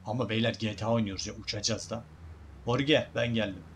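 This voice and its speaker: A man's voice: lowish voice, steady tone, brisk, slight background noise. A man giving casual, joking let's-play commentary as a gaming YouTuber, talking to his viewers as guys.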